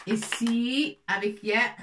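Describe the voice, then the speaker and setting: A woman teaching a lesson in French, slowly drilling syllables as she writes on a board. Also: a little high, fairly even intonation, fairly bright tone, slight background noise. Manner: slow, repetitive, drilling syllables. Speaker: Arabic teacher. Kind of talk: casual classroom lesson, writing on a board. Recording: echoey room, mic at a distance.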